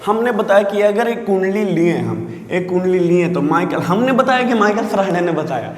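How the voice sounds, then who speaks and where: High-voiced man teaching in an echoey room. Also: lively intonation, moderate pace. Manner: constantly checks understanding, repeating phrases, addresses viewers as sir. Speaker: physics teacher. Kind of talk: classroom physics lesson. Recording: echoey room with long reverb.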